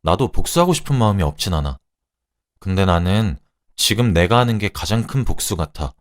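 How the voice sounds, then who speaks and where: Guy doing a cool collected young woman, scornful and sharp, radio drama vibe, bouncy delivery. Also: lowish voice, lightly acted. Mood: gentle, resigned. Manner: calm, cutting, scornful. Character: cold, composed young woman taking revenge.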